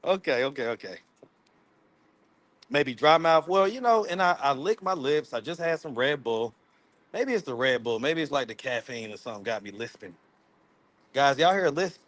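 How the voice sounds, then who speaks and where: A man's voice: medium pitch, lively intonation, normal speed, pauses often, a bit bright, dry recording. A man, hosting a casual live stream from his phone, loose and playful, laughing often. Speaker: livestream host. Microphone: phone camera.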